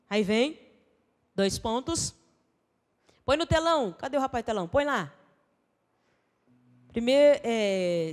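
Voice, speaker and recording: A Brazilian woman preaching a sermon as a missionary pastor, dramatic, swinging between shouting and hushed tones and acting out quoted dialogue. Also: a little high. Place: church hall. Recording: long church-hall reverb.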